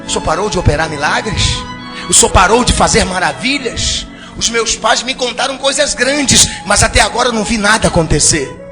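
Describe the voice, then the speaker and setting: A male pastor preaching a fiery sermon, acting out biblical figures, shouting at peaks and dropping low for emphasis. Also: expressive, a little fast, over music. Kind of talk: Pentecostal-style sermon.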